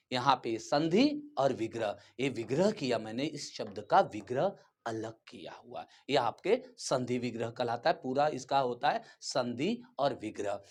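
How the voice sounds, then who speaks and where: A man teaching a grammar lesson to children, stretching out words and often asking whether they follow. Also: mid-range voice. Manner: repeats words slowly and checks understanding.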